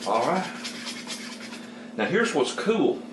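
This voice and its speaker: A man's voice: on the high side, big pitch swings, takes it slowly, background noise. An older man, showing how he bakes a cake at home in a casual, homespun way. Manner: homespun, folksy, savoring with hums. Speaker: home baking vlogger. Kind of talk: casual kitchen demonstration. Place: home kitchen. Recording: roomy kitchen with faint ambience.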